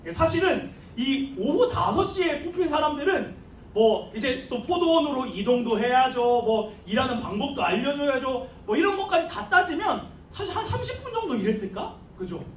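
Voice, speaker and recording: A man's voice: very high voice, big pitch swings, normal speed, slight background noise. A man preaching to a youth group, telling the story animatedly with slang and chuckles. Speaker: youth pastor. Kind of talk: youth sermon. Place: church sanctuary. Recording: echoey room, mic far off.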